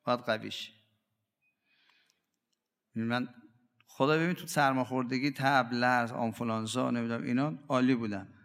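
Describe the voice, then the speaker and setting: A male preacher with a gravelly, creaky voice delivers a religious sermon. He swings dramatically from loud outbursts to hushed asides and acts out the cries of everyday people. His voice rings with a long hall reverb. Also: mid-range voice, fairly even intonation.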